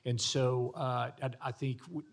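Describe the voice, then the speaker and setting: A man speaks as a county commissioner at a public meeting, with a mid-range voice. He talks off the cuff in a halting way, often doubling back on words as he looks for the next phrase. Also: medium pitch, steady tone, vocal fry. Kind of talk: extemporaneous remarks at a public meeting.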